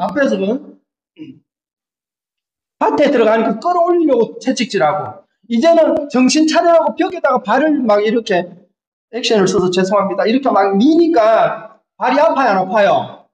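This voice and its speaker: A male pastor delivers a lively sermon, throwing questions out to his congregation. His voice sits high and swings widely in pitch. The recording is dull and lo-fi, with the echo of a large sanctuary. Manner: animated, asks the congregation questions. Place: church sanctuary. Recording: echoey church hall, dull lo-fi sound.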